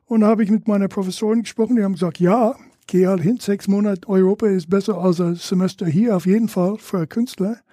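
An older man from Louisiana with an American accent, a native English speaker, chatting as a podcast guest in halting German and searching for his words. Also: high voice, steady tone, dark tone, husky, dry recording, studio quality. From Louisiana, USA. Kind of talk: casual interview chat.

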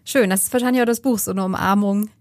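Woman podcast host in halting, affirming phrases. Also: mid-range voice, fairly even intonation, darkish tone, no room sound, studio quality. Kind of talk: interview conversation. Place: podcast studio.

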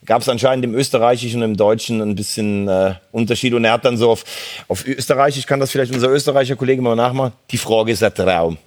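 A man's voice: mid-range voice, fast talker. Chatty man telling football stories. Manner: animated storytelling with many fillers and restarts. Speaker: football reporter. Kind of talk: casual football talk.

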